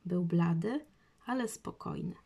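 Slow gravelly woman reading a children's story. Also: fairly low pitch, expressive, warm tone. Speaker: narrator.

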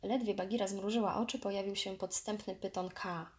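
Female narrator, mid-pitched, lively children's story reading. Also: fairly quick.

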